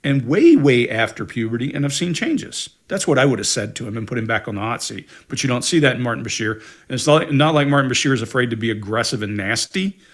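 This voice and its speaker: Dude on a panel talking deception cues, chatty and emphatic, middle pitch. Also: male voice, fast talker, hardly any pauses, fairly bright tone. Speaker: body language analyst. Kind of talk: panel video analysis.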